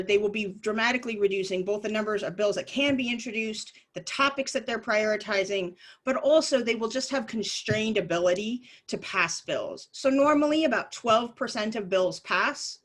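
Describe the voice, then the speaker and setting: A woman lobbyist runs an informal online training in a mid-range voice, explaining things briskly. She says um a lot and restarts often, her voice sounds worn out, and she has a cough drop in her mouth.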